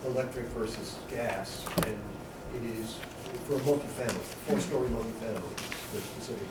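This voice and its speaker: A man at a committee meeting, explaining things informally in a measured, halting way. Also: medium pitch. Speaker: committee member at a local meeting. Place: indoor meeting room. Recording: distant microphone, echoey noisy meeting room.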